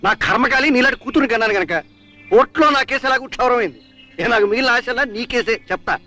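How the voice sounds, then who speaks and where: A man's voice: very high voice, quick pace, pushed and bright. An actor playing a greedy, scheming middle-aged father in a comic film scene, wheedling and sly. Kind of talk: 1980s film dialogue.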